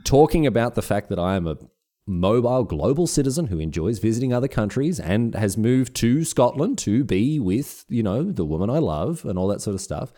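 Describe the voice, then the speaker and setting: A man with an Australian accent, a podcast co-host chatting casually and telling animated stories with many restarts. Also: lowish voice, fairly quick. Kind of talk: casual chat.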